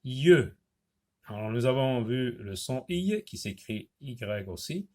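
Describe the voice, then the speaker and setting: A male teacher works through a beginner reading lesson at a slow, patient pace. He sounds out each word syllable by syllable and repeats it several times. His voice sits at a middle pitch. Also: expressive, darkish tone. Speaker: primary school teacher.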